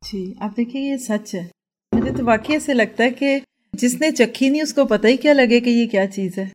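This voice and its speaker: A woman's voice: fairly high pitch, darkish tone. Woman giving a religious class talk, lots of rhetorical questions, tells little stories as she goes. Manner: storytelling with many rhetorical questions. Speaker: Quran class teacher.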